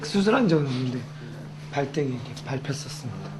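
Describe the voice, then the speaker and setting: Young male recruit, mid-pitched voice, answering medical questions, clear background noise. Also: sing-song, fast. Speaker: military recruit. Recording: noisy room recording.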